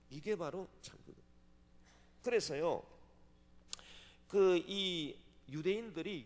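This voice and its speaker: A man preaching a sermon as pastor, swinging from loud outbursts to hushed asides. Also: fairly high pitch. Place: large church sanctuary. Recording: long church hall reverb.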